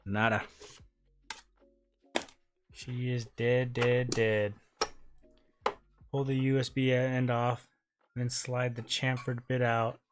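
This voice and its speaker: A man's voice: medium pitch, level tone, slow pace, pauses often, music in the background. A man hosting a console repair stream, chatting casually and muttering to himself while he works, with casual swearing. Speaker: repair channel host.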